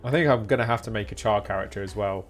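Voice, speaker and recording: A man's voice: fairly low pitch, fast talker. Chatty male game streamer. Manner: chatty, greets chat viewers by name. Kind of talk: casual live-stream gaming commentary. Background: game music.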